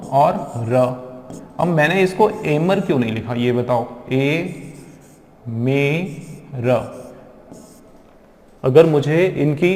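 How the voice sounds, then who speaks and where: A man with a fairly high voice gives a classroom lesson on pronunciation. He explains step by step and keeps asking the class whether the point is clear. The room echoes, with a long reverb trailing his words. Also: darkish tone. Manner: explains step by step, often asks the class questions. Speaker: spoken English teacher.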